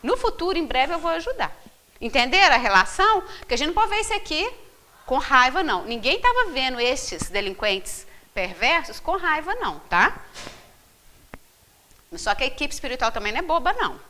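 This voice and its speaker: A woman leading a book study group, animated and constantly checking in with her listeners through rhetorical questions. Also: high voice, brisk, slight background noise. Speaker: spiritist study group leader.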